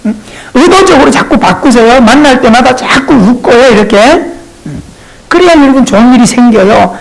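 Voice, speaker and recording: A male pastor preaching a sermon, talking straight to his congregation in a playful, animated way. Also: extremely high pitch, background noise.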